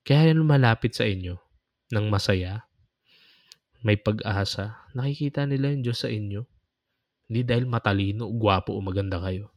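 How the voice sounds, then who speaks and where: A man's voice: on the low side, moderate pace, pauses often, no room sound. A man with a Filipino accent hosting a reflective podcast, talking in an earnest, preachy way and pressing his points home. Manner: earnest, preachy exhortation, growing louder and insistent. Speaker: podcast host. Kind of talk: reflective podcast talk, mixing Tagalog and English.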